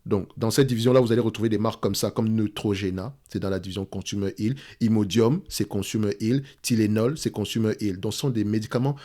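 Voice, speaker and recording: Homme au ton hésitant, voix grave. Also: male voice, on the low side, fairly even intonation, fast, few pauses, mellow. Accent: French speaker's accent in English. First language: French. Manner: hesitant, repeats words, checks in with "d'accord?" and "ok?". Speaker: investment analyst, channel host. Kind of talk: screen-share stock analysis walkthrough.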